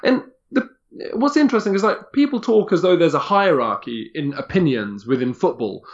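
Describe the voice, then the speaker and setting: A man's voice: fairly high pitch, expressive, moderate pace, dull audio. A man, a guest in a casual podcast conversation, talking candidly and emphatically, often repeating himself.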